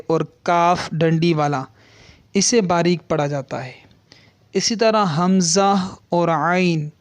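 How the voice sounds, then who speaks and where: In a high-pitched, clean voice on a dry recording, a man gives an earnest religious lesson on the rules of Quran recitation. He sounds out letters to show how they differ from one another.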